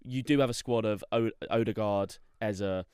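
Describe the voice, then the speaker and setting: A man's voice: on the low side, smooth, no echo, clean studio sound. A man co-hosting a podcast, chatting casually and giving firm opinions about football. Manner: relaxed, opinionated, quick agreeing fillers. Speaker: podcast co-host. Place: podcast studio.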